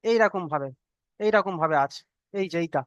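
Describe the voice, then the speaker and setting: Smooth, patient online Quran reading teacher. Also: mid-range voice, no echo, highs cut off. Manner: repeats rules slowly, often checks "okay?" with students. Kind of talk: online class teaching Arabic letter reading. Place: online video class, students on mute.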